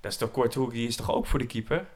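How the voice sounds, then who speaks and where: A man's voice: medium pitch, animated, quick pace, darkish tone. Man asking questions. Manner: asks probing questions. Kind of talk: casual football chat.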